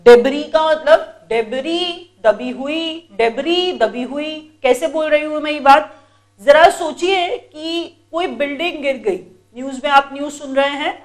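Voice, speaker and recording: A woman teacher runs an exam-prep vocabulary lesson. She drills each word over and over in a patient, repetitive way and calls her students children. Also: high-pitched.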